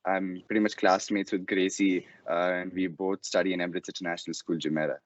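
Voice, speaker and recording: Very deep-voiced teenage boy. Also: level tone, quick pace. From Dubai. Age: teens. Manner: polite, uses "you know" often. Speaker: student guest. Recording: dry lo-fi call audio.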